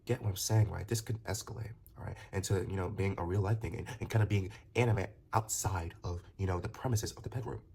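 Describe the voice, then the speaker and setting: In casual talking-to-camera commentary, a young man's low, gravelly, darkish voice rushes along fast with few pauses. He stammers and restarts a lot, fills gaps with filler words, and gets heated and emphatic arguing his point, over a slight hiss or hum.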